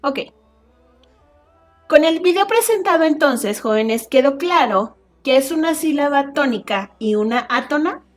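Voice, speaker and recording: A woman teacher from Mexico giving a recorded online lesson, explaining slowly and often checking with her students. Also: high voice, animated, faint music behind. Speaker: high school teacher. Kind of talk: online class lecture.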